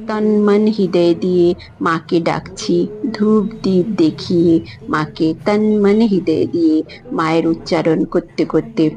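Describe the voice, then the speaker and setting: Woman vlogger, low gruff voice, repetitive devotional narration. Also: low-quality recording. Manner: repetitive, gentle, chants prayers slowly. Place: home shrine and her parlour.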